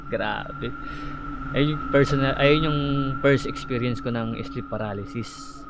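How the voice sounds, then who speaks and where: A man casually telling a personal horror story about sleep paralysis, halting and acting out his own shouts. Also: medium pitch. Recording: slightly dull audio with clear background noise.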